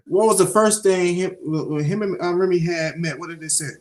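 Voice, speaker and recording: A young man talks through a TV episode with a loose, streetwise swagger, swearing and storytelling as he goes. His voice sits a little high for a man. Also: steady tone, moderate pace. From Jacksonville, Florida (Duval). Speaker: podcast co-host. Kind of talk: casual show review chat.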